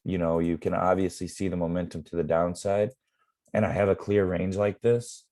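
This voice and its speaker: A man explaining live trading in a relaxed, rambling way with many fillers, his voice going hoarse. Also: deep voice, moderate pace. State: losing his voice. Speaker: forex trading mentor.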